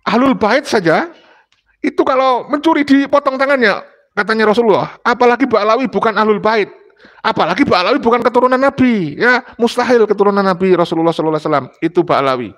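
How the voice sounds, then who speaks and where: High-voiced emphatic lecturing man. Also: fast talker, fairly bright tone. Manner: emphatic, lecturing, repeats points. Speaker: panel speaker. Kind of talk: discussion talk.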